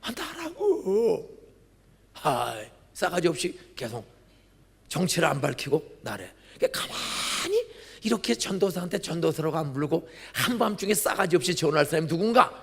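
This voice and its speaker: An older man, a pastor, giving a dramatic sermon full of storytelling, acted-out dialogue and sudden loud outbursts. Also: fairly high pitch, expressive, fairly quick, gravelly, slightly rough. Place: large church sanctuary. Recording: church hall reverb.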